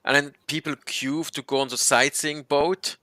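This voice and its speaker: A man hosting a relaxed chat. His voice is bright and crisp, recorded close and dry. He stops and restarts often as he explains things. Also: fairly high pitch, no echo. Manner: halting, restarts often, explains local words. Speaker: host. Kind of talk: casual chat.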